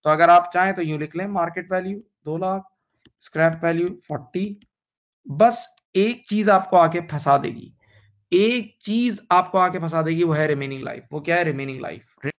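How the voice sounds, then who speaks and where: A man in his thirties with an Indian English accent teaches accounting in a recorded online lecture, his voice on the high side at a moderate pace. The audio is dull. He patiently repeats key points, calls his students "beta," and mixes English terms into his Hindi.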